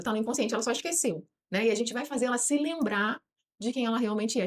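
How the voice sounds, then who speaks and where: Fast-talking Brazilian woman, bright pitch. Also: a little hiss or hum. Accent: Brazilian Portuguese. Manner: lively, voices imagined people's thoughts. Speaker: guest on self-knowledge podcast. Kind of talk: explanatory podcast talk.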